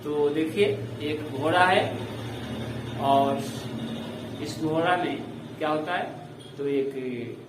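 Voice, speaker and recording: A man's voice: fairly high pitch, very slow, long pauses, far from the mic. A man teaching young children a Hindi phonics lesson, repeating each word patiently and asking questions that he answers himself. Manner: asks the class questions, then answers them himself. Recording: echoey room, voice set back from the mic, faint background noise.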